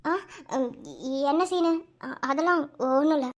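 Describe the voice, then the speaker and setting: A man voicing a gentle young woman doctor with a soft, hesitant manner. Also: extremely high pitch, a little slow, highs cut off, voice pushed up. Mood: flustered.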